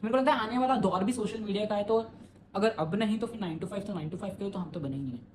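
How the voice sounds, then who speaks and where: Fast-talking joking young man vlogger. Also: sits high, a little hiss or hum, rough recording. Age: young adult. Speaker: YouTuber. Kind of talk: casual vlog, reacting to a reading.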